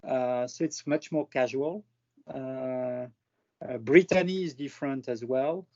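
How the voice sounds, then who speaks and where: A man's voice: medium pitch, a little slow, darkish tone. A man with a French accent, talking casually on a video call, hesitant, with many fillers and restarts. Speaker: presenter on France in a video call. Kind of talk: casual chat. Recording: dull lo-fi call audio.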